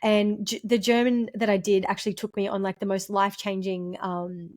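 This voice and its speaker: A woman's voice: mid-range voice, little pitch movement, normal speed, a little mellow, no room sound, clean studio sound. A young adult woman, co-hosting a casual chat, affirming and acting out quoted voices in her stories. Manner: chatty, affirming, acts out quoted voices while telling stories. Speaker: podcast co-host.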